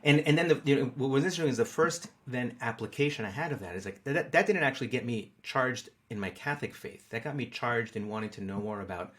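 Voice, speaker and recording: Speaking quickly with few pauses, this interview guest, a middle-aged market researcher who was born in Peru and grew up in the United States, chats casually and keeps repeating words as he hunts for phrasing. His voice is mid-range and a bit bright.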